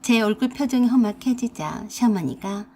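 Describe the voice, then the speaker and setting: A woman narrates her own story for a radio drama with indignant energy. Her pitch rises and falls a lot. Her tone is a touch husky. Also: animated, moderate pace, mellow. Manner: indignant first-person telling.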